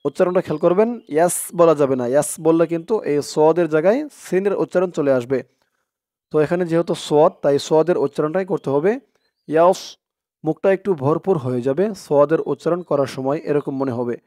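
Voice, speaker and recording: A man teaching Quran recitation word by word, explaining each letter with slow, careful speech and chanting verses in long, drawn-out tones. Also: on the high side, warm tone, no echo, studio quality. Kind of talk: word-by-word Quran spelling lesson.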